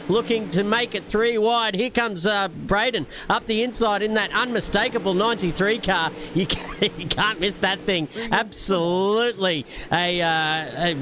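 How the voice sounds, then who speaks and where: A man giving live sim racing commentary, jokey and punning, with filler pauses. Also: sits high, noisy background. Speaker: race commentator. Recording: music playing behind the voice. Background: background music.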